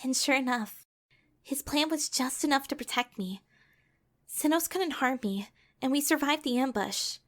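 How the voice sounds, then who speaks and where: Playing a gentle, vulnerable young heroine in an audio drama, a woman earnestly and emotively confides her past. Her high-pitched voice moves at normal speed, and the mood is tender and reflective.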